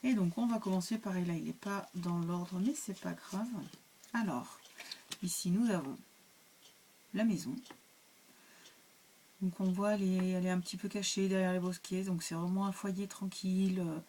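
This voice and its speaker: A woman's voice: fairly low pitch, steady tone, normal speed, long pauses, mellow. Hesitant woman reviewing a card deck. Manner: hesitant, many fillers and restarts. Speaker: cartomancy channel host.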